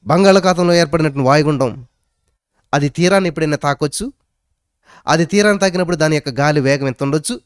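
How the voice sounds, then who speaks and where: Here a man preaches a sermon, talking fast with long pauses in a clear, resonant voice, recorded dry with clean studio sound. As a pastor driving his points home, his pitch and loudness rise and fall sharply, and he mixes in English phrases.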